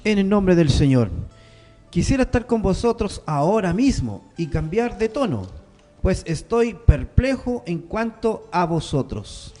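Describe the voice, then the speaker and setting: A man's voice: sits high, sing-song, a little slow, mellow, in a large hall, soft background music. A man reading scripture aloud in a church service in a solemn way. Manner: solemn, answers with amens. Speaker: scripture reader.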